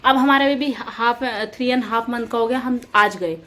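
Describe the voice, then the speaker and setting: Young woman vlogger, chatty, repetitive, playful complaints, fairly high voice, at home, camera on tripod. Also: moderate pace, fairly bright tone. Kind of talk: casual vlog chat. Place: at home by open balcony doors.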